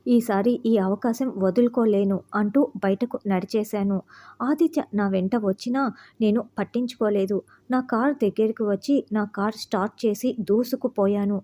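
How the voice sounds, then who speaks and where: A woman reads a heartfelt first-person story aloud in a calm, steady way. Her voice is mellow and dark-toned, sitting at an ordinary middle pitch. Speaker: narrator.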